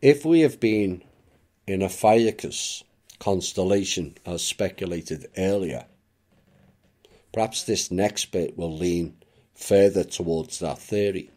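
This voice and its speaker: A man with a deep, low voice talks through a reflective monologue at a very slow, deliberate pace. His tone is mellow and dark, and he drops in occasional offhand asides. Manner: measured, unhurried, with occasional asides. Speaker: esoteric channel narrator.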